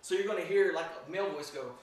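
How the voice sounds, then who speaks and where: A man's voice: high-pitched, fast. A man giving a casual talk to a live audience, chatty, laughing often and repeating himself. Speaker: filmmaker and ghost hunter giving a talk. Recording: echoey room from far off, background noise.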